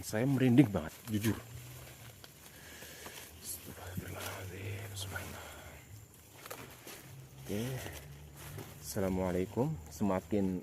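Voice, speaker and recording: A man with a fairly low voice narrates a casual walking vlog at night. His manner is uneasy and pious. The outdoor recording carries clear noise, with animal and nature sounds around him. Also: dark tone. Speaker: host of a night exploration vlog. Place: outdoors in an overgrown plantation at night.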